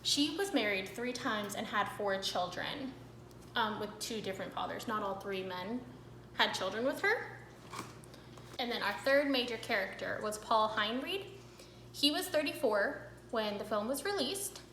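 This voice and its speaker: A woman's voice: mid-range voice, animated, measured pace, fairly bright tone, reverberant, a little hiss or hum, rough recording. A young woman hosting a cooking vlog, chatting casually to camera with a rambling, filler-filled manner.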